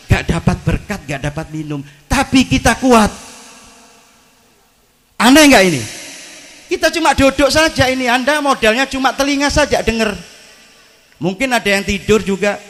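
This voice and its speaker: A high-voiced preacher with an East Javanese accent tells funny stories from the pulpit. He talks straight to the crowd at an outdoor evening gathering, into a PA microphone. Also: a bit bright. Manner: storytelling, addresses the crowd. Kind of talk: humorous sermon.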